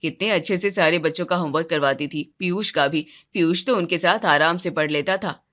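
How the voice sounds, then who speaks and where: A woman doing a tired, soft-spoken husband. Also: fairly quick, close to an everyday voice. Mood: reasoning. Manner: subdued, low-key, quietly complaining. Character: weary grown man, soft-spoken husband. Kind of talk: animated storybook voice acting.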